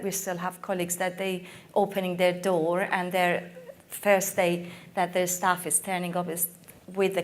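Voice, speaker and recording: Emphatic woman panelist, losing her voice. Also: lowish voice. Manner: emphatic, many fillers and restarts. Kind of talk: conference panel discussion.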